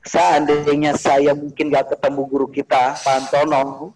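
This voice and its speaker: A man's voice: fairly high pitch, monotone, unhurried, crowd noise, rough recording. Chatty man teaching a religious group. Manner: chatty, repeats "Bu" often, asks listeners questions. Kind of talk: informal religious talk to a group.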